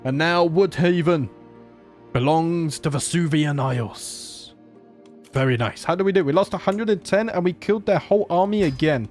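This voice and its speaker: A man with a fairly high-pitched, darkish voice and a sore throat hosts a gaming channel. Playing a strategy game, he gives casual let's play commentary, chatting, joking and thinking aloud as he goes.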